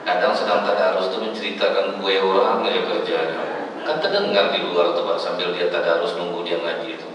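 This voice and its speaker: A man's voice: low-pitched, fairly even intonation, fairly quick, background noise. A man preaching a humorous sermon in a chatty, joking way, often turning to speak straight to his audience. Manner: chatty, jokey, keeps addressing the audience. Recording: echoey hall, speaker far from mic.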